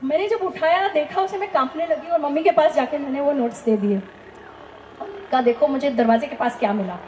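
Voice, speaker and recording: A woman's voice: high-pitched, a little fast, darkish tone, slight background noise. A woman giving a personal testimony in a church talk, telling her story earnestly and asking the listeners rhetorical questions. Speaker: testimony speaker. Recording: echoey, dull lo-fi hall recording.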